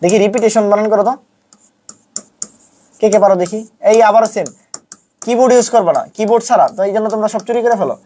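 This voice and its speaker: Young male tutor, rapid colloquial delivery, chants memory rhymes and teases the class. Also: sits high, mellow. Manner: chanting mnemonics; colloquial teasing. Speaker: teacher. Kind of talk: online lesson.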